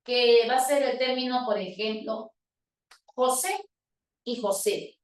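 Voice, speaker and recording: A woman's voice: fairly high pitch, slow. A woman teacher patiently explaining grammar to her students, talking to them directly and voicing their questions. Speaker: language teacher. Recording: roomy sound from a distant mic.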